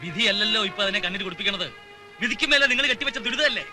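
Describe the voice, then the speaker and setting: A man's voice: on the high side, animated, fairly quick, over music, close to an everyday voice. An actor playing a grieving uncle who speaks tenderly to his niece and turns indignant with family elders, in a film with a background score. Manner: earnest, reproachful, rising to indignation. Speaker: uncle figure, Unnimaman.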